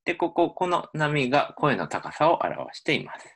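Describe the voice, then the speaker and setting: A man's voice: on the high side, big pitch swings, moderate pace, fairly bright tone. A man, a university linguistics lecturer, explaining in a recorded lecture with frequent um fillers.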